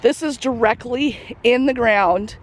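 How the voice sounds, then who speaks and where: A woman's voice: a little high, slow, a little hiss or hum. A woman giving a casual walkthrough of her community garden outdoors, chatty and a little out of breath, with lots of fillers and restarts.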